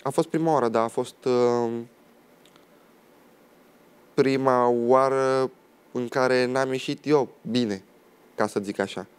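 A man's voice: mid-range voice, fairly even intonation, long pauses, clean tone. A young man, a guest on a TV talk show, telling a personal story in a dramatic way and acting out what other people said.

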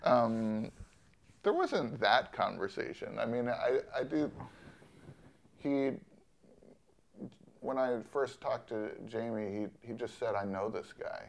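A man in his forties, a film director, speaking thoughtfully in an interview with many pauses and restarts. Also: mid-range voice, animated, vocal fry, slight background noise. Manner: soft-spoken, thoughtful, with many ums and restarts. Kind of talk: interview conversation. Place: studio in Los Angeles.

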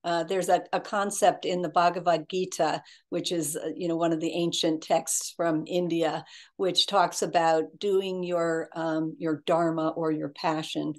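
Slow, measured woman interview host. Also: on the low side, little pitch movement. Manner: measured and appreciative, many fillers. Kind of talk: interview over video call.

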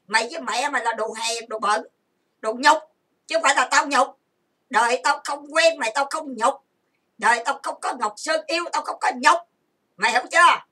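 A woman's voice: high-pitched, moderate pace, pushed and bright, slightly rough, far from the mic. A woman streaming an angry rant, cursing and hurling accusations while lying down. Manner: profane, accusing, insulting. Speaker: online streamer. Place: lying down at home.

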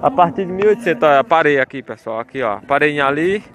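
Fast and fairly high-pitched, with lively intonation, a man strolls past outdoor cattle pens while filming on his phone. As a vlogger touring the cattle fair, he keeps chatting to his audience, repeating his call-outs, over crowd chatter at the outdoor market.

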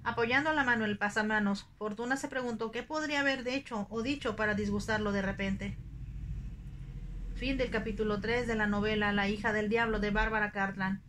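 Calm woman narrating a soft audiobook. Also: medium pitch, brisk, a little hiss or hum.

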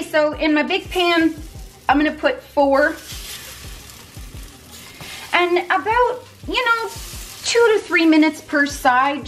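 Woman, 30s, high bright pitch, casual cooking vlogger, home kitchen, camera close. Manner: chatty, upbeat, talks while cooking. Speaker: vlogger sharing meal prep. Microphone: handheld camera held close.

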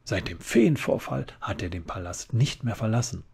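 A man voicing a haughty vampire countess mother who scolds sweetly and teases with odd pet names, in a relaxed ASMR story reading. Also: lowish voice, moderate pace, vocal fry, husky, full character voice. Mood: fussy. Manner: sweetly bossy, pet-name teasing.

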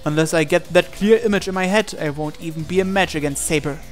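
This let's-play reader, a man with a fairly high voice, narrates a visual novel in the first person over music. His delivery is quick, earnest and theatrical, full of dramatic intensity.

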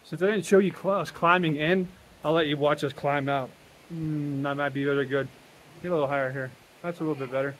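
A man's voice: fairly high pitch, fairly quick. Man in his forties, self-deprecating hiking vlogger filming himself at arm's length outdoors, faint background hiss. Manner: chatty, excitable, self-deprecating. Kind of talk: casual vlog narration. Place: outdoors in a sunny rocky canyon. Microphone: handheld camera at arm's length.

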